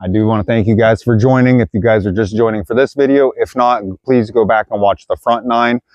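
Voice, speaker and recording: A man's voice: on the low side, fairly even intonation, fairly quick, a little mellow, no echo, muffled recording. A man vlogging his disc golf round outdoors, chatting casually to viewers as he plays and sounding out of breath on a hilly course. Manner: chatty, addresses viewers as guys. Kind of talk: casual play-by-play narration.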